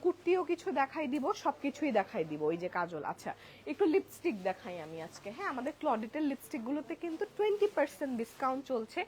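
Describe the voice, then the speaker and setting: A woman with a high-pitched, fast voice and big pitch swings hosts a live-stream sale inside a crowded store outlet, showing products and chatting with viewers, whom she calls apu. She shifts between soft and loud talk. Recorded on a clip-on mic, the busy shop fills the background with chattering shoppers.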